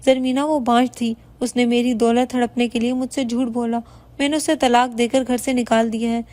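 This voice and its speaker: A woman's voice: on the high side, level tone, a little mellow, lightly acted. A woman voicing a remorseful young husband who pleads with his wife, in a storybook reading. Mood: defensive. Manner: pleading, emotional.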